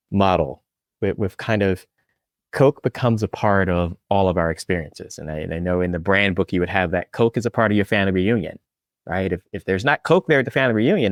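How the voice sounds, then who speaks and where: A man's voice: low-pitched, dry recording, studio quality. A middle-aged man hosting a podcast, who asks long, winding questions and often answers with "right" and "mm-hmm.". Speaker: podcast host, association CEO. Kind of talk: interview questions.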